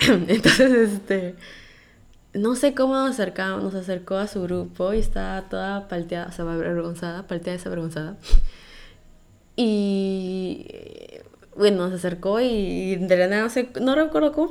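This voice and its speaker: A young Peruvian woman with a Peruvian accent, casually telling a personal story and acting out the quoted lines with a rising voice. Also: vocal fry. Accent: Peruvian Spanish. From Peru. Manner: lively, acts out quoted lines with rising pitch. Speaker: podcast storyteller.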